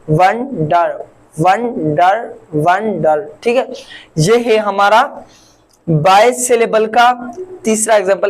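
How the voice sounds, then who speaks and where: A man from Pakistan teaching a language lesson, patiently repeating each word slowly syllable by syllable. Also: high-pitched, rough recording. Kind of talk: classroom-style language lesson.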